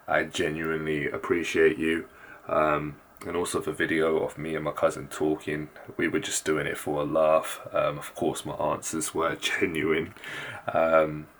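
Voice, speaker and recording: A man keeping his voice very low and hushed, talking casually to viewers in a home vlog. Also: monotone, unhurried, slight background noise. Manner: very low, hushed voice so as not to wake others. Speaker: fitness vlogger and host. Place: indoors at home at night.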